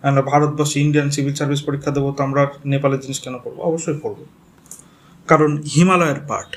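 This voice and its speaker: Bengali man teaching geography, mid-high voice. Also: steady tone, very fast. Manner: explains step by step, spells names out, checks in with "okay?". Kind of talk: geography lecture.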